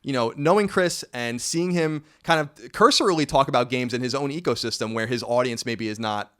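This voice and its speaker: A man's voice: medium pitch, fairly quick, a bit bright. A man in his thirties hosting a casual podcast, rambling and correcting himself with wry asides. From United States. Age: 30s. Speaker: podcast host.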